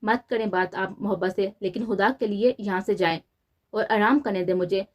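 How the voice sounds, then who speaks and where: A woman reading the lines of a hurt, angry young wife in an audio novel, sharp and bitter. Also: medium pitch, normal speed, close to an everyday voice.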